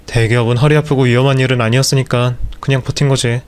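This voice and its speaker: A man's voice: medium pitch, fairly even intonation, fast talker, clear, resonant tone, natural voice. A man voicing a lazy, excuse-making unemployed husband. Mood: apologetic.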